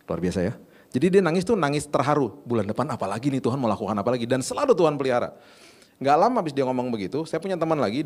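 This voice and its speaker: A middle-aged male pastor preaches in a relaxed, chatty tone. He slips into the voices of people in his stories and speaks at an ordinary pitch for a man. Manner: casual conversational preaching with acted anecdotes. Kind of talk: sermon.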